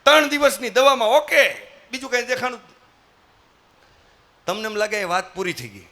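Guy telling a story on stage, high voice, gets the crowd to shout answers. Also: fairly quick. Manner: lively folksy storytelling, acting out characters and prompting the audience to answer. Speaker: motivational speaker. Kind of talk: live motivational storytelling.

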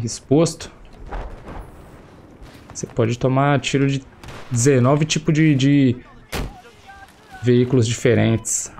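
Still getting over a cold, this young gameplay streamer with a Brazilian Portuguese accent talks through his headset in a chatty, slangy way and reacts loudly to the action. His medium-pitched voice is creaky and darkish, with a little hiss or hum and faint gunfire and explosions from the game.

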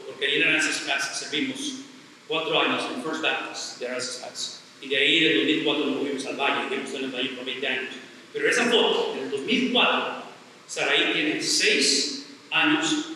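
Faint noise and heavy echo fill the church hall as a middle-aged pastor, heard from far off, delivers an emphatic sermon. His slightly high voice has a sharp tone, and he repeats phrases and asks rhetorical questions.

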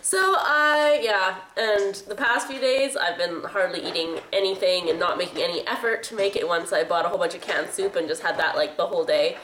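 Filmed at arm's length on a handheld camera in her home kitchen and living room, a vlogger in her twenties chats casually through a food diary, congested from a cold, rambling and laughing often. Her voice is fairly low and a bit bright, a little fast with hardly any pauses, over slight background noise.

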